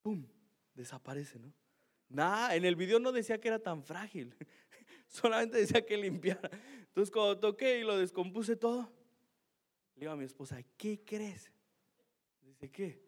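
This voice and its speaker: A man's voice: high voice, animated, moderate pace, pauses often. A male pastor telling a funny story about himself in a sermon, chatty and self-mocking, who keeps asking "¿no?". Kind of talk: sermon with a humorous personal story.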